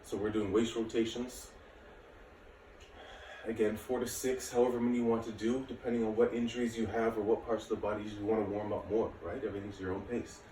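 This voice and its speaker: With a warm, fairly low voice and flat delivery, a late-30s fitness and martial arts instructor leads an easygoing workout to camera, talking a little fast. Expect an echoey room, a distant mic and some faint noise.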